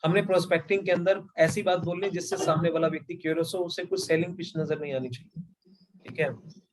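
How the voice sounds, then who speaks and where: A man with a high-pitched voice leads an online sales training over a video call. He breaks points into numbered steps and keeps checking that his listeners follow. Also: steady tone, fast talker, noisy background. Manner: explains step by step, mixes English into Hindi, asks "right or wrong?". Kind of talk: live online training session.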